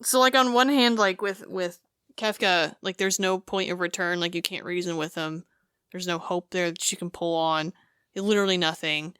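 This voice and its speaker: A woman co-hosting a podcast, recounting a game scene in casual chat, animated and full of fillers. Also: fairly low pitch, moderate pace, clean tone, no room sound, clean studio sound. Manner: animated storytelling with many fillers. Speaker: podcast co-host.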